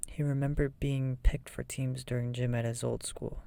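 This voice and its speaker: A person reading a children's fantasy novel aloud in a soft, breathy ASMR whisper. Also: mid-range voice, flat delivery, normal speed. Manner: soft whisper, often voiceless.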